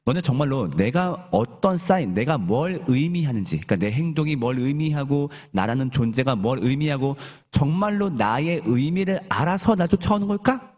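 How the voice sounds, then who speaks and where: A man's voice: medium pitch, expressive, normal speed, darkish tone, close to an everyday voice. A male pastor acting out Jesus in a sermon as an exasperated grown man who speaks bluntly and casually to his followers. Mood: stern.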